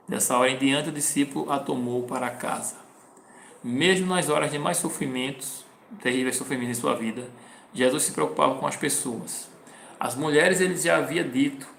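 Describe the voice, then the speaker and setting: A man's voice: medium pitch, gravelly, a bit bright, reverberant, slight background noise. A man teaching from the Bible, reading verses aloud and then explaining them plainly. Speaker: preacher.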